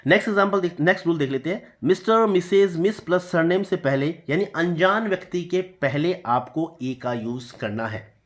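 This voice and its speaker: Man teaching grammar, slow and repetitive. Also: high-pitched. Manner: slow deliberate reading of example sentences, repeating key points. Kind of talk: explanatory classroom lesson.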